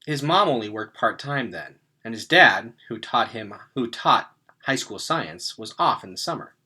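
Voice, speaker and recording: A man reads a storybook aloud in a bright, forceful, husky voice with lively, swooping pitch at normal speed. He narrates expressively and animatedly, stressing key words for dramatic effect.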